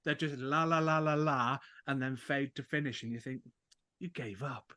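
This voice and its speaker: Bright, wry man co-host. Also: mid-range voice, fairly even intonation, moderate pace, no echo. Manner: dry, wry humour. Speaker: podcast co-host. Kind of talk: casual interview chat.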